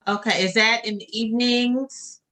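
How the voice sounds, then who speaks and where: A woman's voice: a little high, steady tone, moderate pace, pushed and bright. A woman co-moderating a panel, politely directing questions to guests. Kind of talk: casual panel talk.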